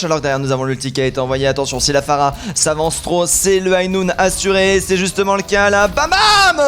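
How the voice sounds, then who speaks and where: A man doing live esports commentary as a caster, with excitable, exclaiming play-by-play. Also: sits high, slight background noise.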